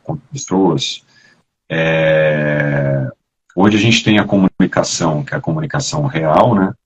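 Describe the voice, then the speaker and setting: Very deep husky man chatting. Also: measured pace, low-quality recording. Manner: relaxed, chatty, says "cara" and "né" often. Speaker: guest actor. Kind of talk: casual conversation.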